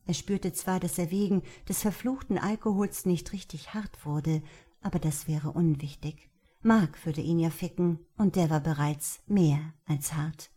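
A woman narrating a novel in a steady, even audiobook reading. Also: lowish voice, measured pace. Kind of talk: scripted narration.

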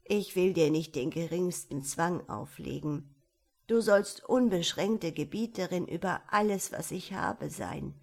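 A woman's voice: on the low side, a little slow, vocal fry. A woman voicing a lovesick little hunchbacked old man who pleads in sorrow, in a storybook reading. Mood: pleading.

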